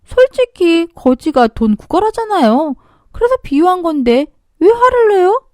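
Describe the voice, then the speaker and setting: A woman voicing a spoiled, rude young sister-in-law in a spoken radio story, sneering and shrill. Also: big pitch swings, normal speed, no echo, studio quality. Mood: shrill, indignant. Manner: sneering, bratty.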